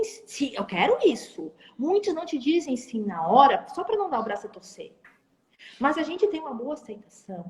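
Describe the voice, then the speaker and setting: A woman guest in a live-stream interview, with a high voice that swoops widely as she talks. She sounds animated, playing out bits of her sales calls. Her voice carries a long reverb. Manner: animated, acts out phone calls and sales talk. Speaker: entrepreneur guest. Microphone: phone or video call.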